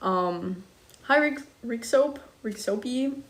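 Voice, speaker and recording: Cooking on a live stream, a young woman with a higher, expressive voice reads out viewer comments and chats away. Her English has an international-school sound with faint German traces, and she's self-deprecating, dropping frequent ums and apologizing quickly.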